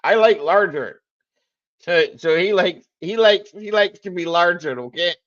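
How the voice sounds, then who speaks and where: A livestream host with a strong Scottish Highland accent runs a casual live chat, joking, laughing often, and dropping "aye" and "eh" into his speech. His voice is a bit bright and his pace measured, and the sound is lo-fi.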